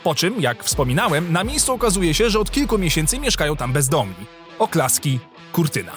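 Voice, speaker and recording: A man's voice: fairly high pitch, sing-song, a little fast, fairly bright tone, soft background music. A man delivering satirical scripted commentary as narrator, with a sarcastic, mocking manner.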